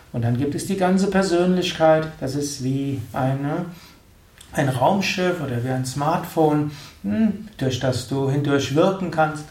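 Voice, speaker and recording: A man with a fairly high voice gives a calm spiritual lecture, driving each point home by repetition. He sounds set back from the microphone in an echoey room. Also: creaky, recorded from a distance. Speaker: spiritual teacher.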